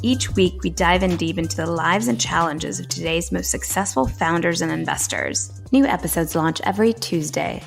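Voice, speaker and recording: A woman's voice: fairly low pitch, gravelly. A woman hosting an interview podcast, reading an upbeat scripted intro and then chatting with her guest. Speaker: podcast host.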